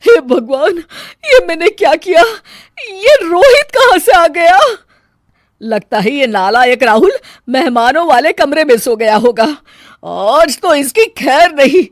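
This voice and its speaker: A woman voicing a scheming, sharp-tongued middle-aged mother-in-law in a cartoon, sly and muttering asides. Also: high-pitched, expressive, measured pace, no room sound, studio quality. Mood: panicked. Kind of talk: cartoon dubbing.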